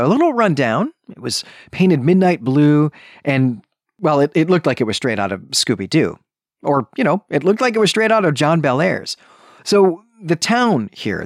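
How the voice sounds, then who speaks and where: A middle-aged American from a Chicago suburb in the Midwest talks through a book review on his podcast, enthusiastic and conversational and prone to digressions. He frequently checks in with "right?" His mid-range voice comes through in a studio-quality recording with no echo.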